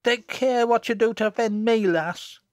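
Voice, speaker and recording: A man performs a storybook's high-pitched, peevish little girl in a Lancashire accent, for audiobook character acting. Her pitch swoops wildly and bites at a measured pace, sharp, taunting and threatening, with a breathy edge and full character voice. The recording is close and dry.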